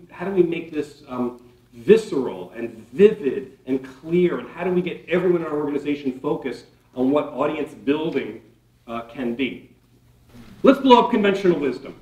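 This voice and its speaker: A man giving a keynote workshop presentation, lively and playful, firing questions at the audience and dropping sarcastic asides. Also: a little high, normal speed. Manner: energetic, asks the audience questions. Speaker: keynote speaker. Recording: roomy hall, mic from a distance.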